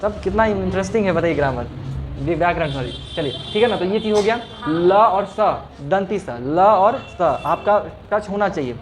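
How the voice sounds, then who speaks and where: A man's voice: sits high, animated, moderate pace. A male teacher giving a classroom lesson, patiently explaining and repeating each sound for the students. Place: classroom with a fan running.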